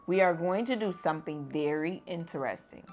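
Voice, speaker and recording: A woman's voice: lowish voice, moderate pace, a little mellow, a little hiss or hum, natural voice. A woman voicing a kind, cheerful man in a children's storybook, in a friendly, upbeat way.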